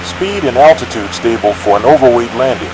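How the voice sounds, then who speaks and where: A man speaking as an airline pilot over the radio, making clipped, even calls to air traffic control. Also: mid-range voice, fairly quick. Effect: pilot talking over the radio from far off. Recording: noisy radio channel.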